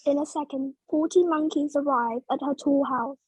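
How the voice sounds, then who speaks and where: High-voiced woman reading a storybook. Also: darkish tone, no room sound, rough recording. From Vietnam. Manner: slow, clear, simple storytelling. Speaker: narrator. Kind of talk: storybook read-aloud for English learners.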